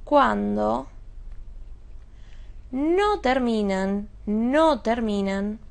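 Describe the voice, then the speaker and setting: Woman teacher, slightly high voice with gravel, measured lesson delivery, keeps checking the class understands. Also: expressive. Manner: deliberate, checks understanding with quick questions. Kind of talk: spoken grammar lesson.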